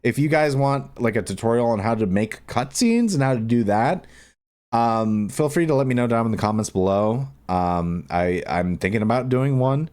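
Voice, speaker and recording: Hosting a casual game modding tutorial recorded from his screen, a man speaks with medium pitch, lively intonation, moderate pace, and a darkish tone. His informal talk wanders and repeats.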